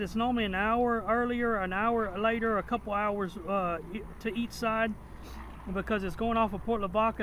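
A fairly high-pitched man talks outdoors on a riverbank, rambling and restarting with lots of fillers. His voice comes through a body-mounted camera mic, with faint outdoor noise behind him. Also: fairly bright tone. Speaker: fishing vlogger. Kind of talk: casual first-person vlog explanation.

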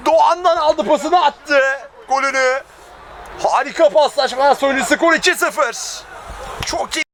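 A man giving excited football match commentary, repeating players' names. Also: very high voice, unhurried, slight background noise.

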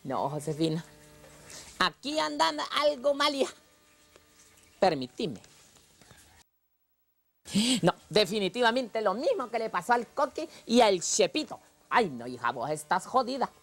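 A woman voicing a gruff male teacher, scolding and mocking his slow students. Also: mid-range voice, very animated, voice pushed down. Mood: lecturing. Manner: scolding, calls people animals.

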